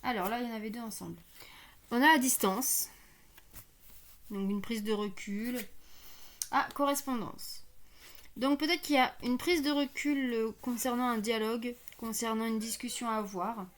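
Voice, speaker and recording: A woman with a slightly high, steady voice and a faint lisp on her s sounds gives a casual tarot reading at a normal pace, leaving long pauses. She's an online card reader hosting weekend guidance, thinking aloud and often sounding hesitant.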